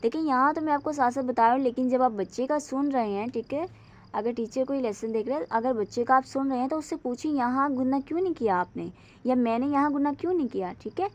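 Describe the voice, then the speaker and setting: A woman with a fairly high voice teaches Quran reading in a recorded lesson. She draws each letter and word out slowly, then speeds up to explain the rules. She asks questions and keeps checking that her listeners follow. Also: lively intonation.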